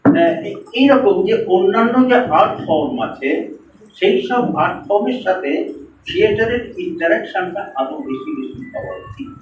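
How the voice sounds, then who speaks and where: A man's voice: sits high, expressive, normal speed, soft background music. A man with a Bengali accent giving a seminar talk, engaging the audience with hands-on exercises. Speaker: seminar speaker. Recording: roomy echo from far off.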